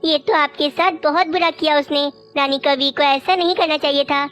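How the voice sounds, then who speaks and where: A woman voicing a kind, sympathetic female bird in a cartoon, speaking with gentle concern. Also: high-pitched, steady tone, normal speed, faint music behind.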